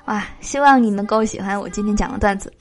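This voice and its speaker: A woman podcast host reading out jokes in a lively way, laughing between them. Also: mid-range voice, fast talker, faint music behind.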